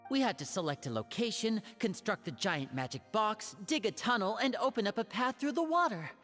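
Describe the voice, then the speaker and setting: A showy young stage magician. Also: male voice, high-pitched, lively intonation, fairly quick, fairly bright tone, soft background music. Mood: gracious. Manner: smooth, showman-like, explanatory. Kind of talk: game dialogue.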